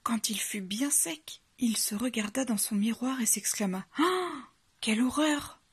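A woman reading a children's bedtime story aloud in a soft, hushed, unhurried way. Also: a little high, slightly rough.

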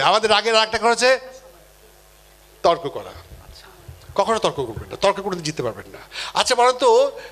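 A man delivers a motivational seminar talk in a high, bright, forceful voice. He is animated, acts out the people he quotes and keeps putting questions to the audience. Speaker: motivational speaker.

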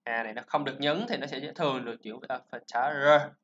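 A man teaching a pronunciation lesson, explaining sounds and repeating words slowly for learners to copy. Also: mid-range voice, fairly bright tone, slight background noise. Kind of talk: classroom-style pronunciation lesson. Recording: slightly dull lo-fi recording.

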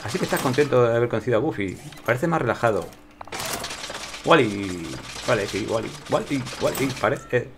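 A man's voice: mid-range voice, lively intonation, brisk, noisy background. A man with a Spain Spanish accent chatting casually to himself and his viewers while playing a video game. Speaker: gameplay commentator. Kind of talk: casual gameplay commentary.

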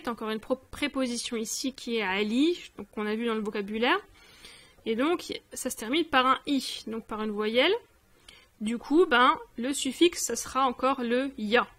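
A woman teaching a language lesson at an unhurried, deliberate pace. Her voice sits a little high, and she explains patiently, repeating each example word for the learner. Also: fairly bright tone.

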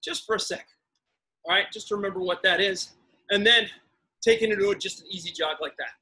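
High, husky man coaching like an aerobics instructor. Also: fairly quick, bright, forceful tone. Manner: encouraging, urging, exerting himself while talking. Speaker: fitness instructor leading a boot camp class. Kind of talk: aerobics instructor calling out exercises and counts. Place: outdoors in a backyard garden. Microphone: camera a few metres away.

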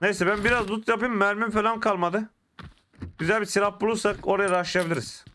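A young man from Turkey reacts to his mobile game match in a high, excitable voice. He talks with a slight lisp from dental braces. Loud gunfire and game sounds run behind him. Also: a little fast, a little hiss or hum. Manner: excitable, exclaiming at the action. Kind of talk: casual gameplay commentary. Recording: gameplay audio and gunfire behind.

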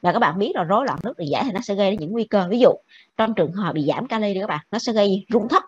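Woman teacher, classroom lecture, rapid delivery, muffled lo-fi sound. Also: mid-range voice, lively intonation, a little mellow, husky, no echo. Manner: brisk, keeps checking with the class. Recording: dull lo-fi with faint noise.

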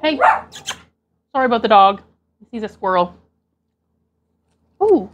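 A woman from Canada hosting her own mukbang video, chatting casually and getting excited over each dish as she unpacks it. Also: on the high side, slow pace, lo-fi sound, heavy background noise. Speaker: mukbang host.

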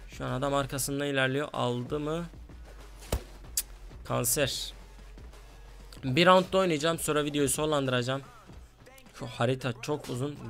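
A man giving casual gameplay commentary as a gaming YouTuber, excitable and quick to flare up at his losing teammates. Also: mid-range voice.

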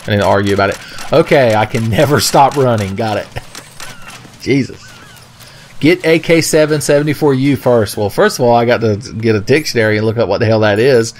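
A man's voice: on the low side, a little hiss or hum. A man giving joking, sarcastic commentary as he plays a video game, swearing casually. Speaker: video game let's player.

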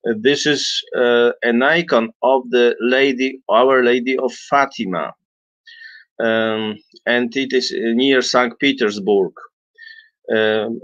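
A middle-aged man, a non-native English speaker, giving an unscripted explanatory talk as a priest, haltingly searching for words and often clearing his throat. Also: medium pitch, a bit bright, no echo. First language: not English. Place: small indoor room with bookshelves. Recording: dull lo-fi webcam audio.

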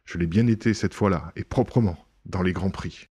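A man reading an audiobook, voicing a proud, ironic young gentleman burglar who bursts into indignation and mockery. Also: deep voice, normal speed, close to an everyday voice. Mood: wry amusement. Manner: indignant outbursts, mocking irony.

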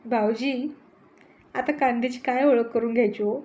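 A woman voicing a helpful young woman of the household, eager to pitch in. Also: fairly even intonation, normal speed, darkish tone, dull audio, lightly acted.

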